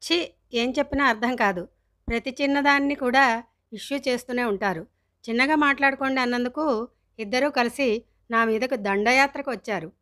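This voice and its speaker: A woman's voice: on the high side, moderate pace, a bit bright, natural voice. A woman reading a storybook, voicing an irritable teenage girl who argues back at her parents in an exasperated, raised voice. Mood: angry.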